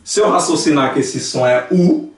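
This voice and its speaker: A man's voice: on the high side, moderate pace, a little hiss or hum. Brazilian man teaching in an echoey room. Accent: Brazilian Portuguese. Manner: patient explaining, repeating examples aloud. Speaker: Dutch language teacher. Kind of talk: classroom lesson. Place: church classroom. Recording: echoey room, distant mic.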